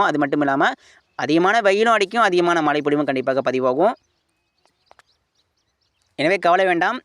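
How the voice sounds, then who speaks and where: Fairly high dry-voiced forecaster man. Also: a bit bright, no room sound. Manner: colloquial Tamil, repeats "you see" tag often. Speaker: weather forecaster. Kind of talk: unscripted weather forecast talk.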